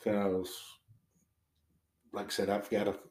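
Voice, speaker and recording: Giving short, straightforward answers in a casual interview, a middle-aged Southwest Virginia man, once a basketball coach and now a principal, talks slowly in a totally flat delivery. His voice is on the low side with a darkish tone, and the recording sounds roomy.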